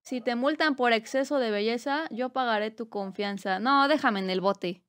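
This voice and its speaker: High, smooth-voiced Mexican woman streamer. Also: moderate pace, fairly bright tone. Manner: playful teasing, bursts of squealing laughter. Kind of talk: casual live-stream chat, reading chat aloud.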